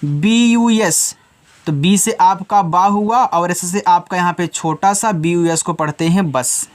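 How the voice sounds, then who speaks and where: A man teaching a slow, patient phonics lesson to children, spelling each word letter by letter and addressing the learners as children. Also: high voice. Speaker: English teacher.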